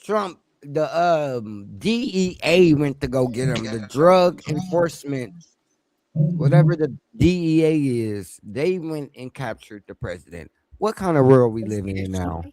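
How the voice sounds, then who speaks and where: A man's voice: mid-range voice, sing-song, measured pace, a little mellow, no echo. Easygoing man running a podcast. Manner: easygoing, informal, runs the agenda. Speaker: podcast host. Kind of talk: casual chat.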